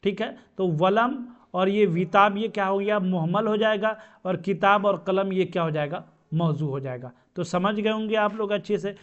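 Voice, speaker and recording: A man's voice: high voice, moderate pace, few pauses. A man teaching a grammar lesson, who asks questions and answers them himself and repeats each term. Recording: dull lo-fi sound.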